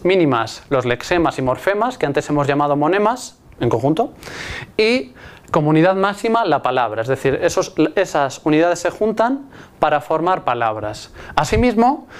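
Smooth-voiced man giving a lecture. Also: fairly high pitch. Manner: explanatory, with frequent restarts and rhetorical "¿no?". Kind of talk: recorded linguistics lecture.

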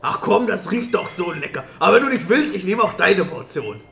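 A man's voice: high-pitched, very animated, brisk, creaky, fairly bright tone, reverberant. A man in tabletop roleplay as a chatty, good-natured, slightly dazed adventurer.

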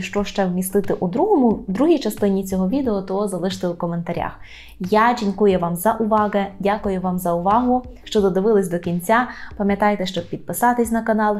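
A woman giving an online language lesson, saying each word slowly and carefully, then repeating it. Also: medium pitch, darkish tone. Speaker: language teacher.

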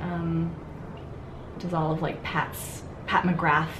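A woman makeup artist chatting and telling stories while doing someone's makeup, giving gentle directions and laughing often. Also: on the low side, little pitch movement, slow pace. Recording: echoey room with faint noise.

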